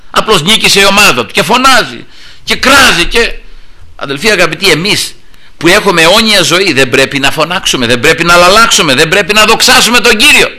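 A man preaching a fervent sermon, often addressing his listeners as brothers and repeating "thank God" as a refrain, swinging between soft asides and loud shouted praise. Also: high-pitched, lively intonation. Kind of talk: Pentecostal-style sermon.

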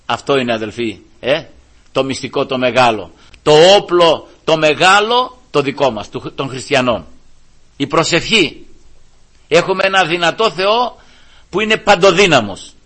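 Bright-voiced man preaching. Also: fairly high pitch, animated. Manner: conversational, addresses listeners as brothers, acts out pleading voices. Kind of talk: sermon.

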